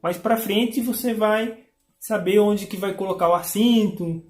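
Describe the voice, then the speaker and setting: Slow, patient woman teaching a language. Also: mid-range voice, darkish tone. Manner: explains patiently, reads word lists slowly, tag questions. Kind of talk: informal language lesson. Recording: echoey room with faint music.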